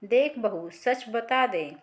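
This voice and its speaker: Woman reading as strict scolding mother in law, high-ish voice, family story. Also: lively intonation, slow.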